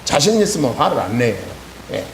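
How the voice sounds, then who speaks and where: A man's voice: medium pitch, sing-song, a little fast, vocal fry. A man in his sixties with a Chungcheong accent, preaching an evening sermon in a folksy storytelling way, with frequent affirming interjections. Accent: Chungcheong Korean. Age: 60s. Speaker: pastor. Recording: echoey church hall with faint hiss.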